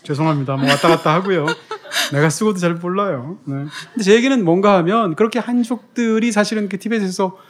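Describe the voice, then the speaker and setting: Fast-talking high-voiced man telling stories. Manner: lively anecdotal storytelling with frequent chuckles. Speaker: podcast co-host and author. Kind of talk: casual talk-show chat.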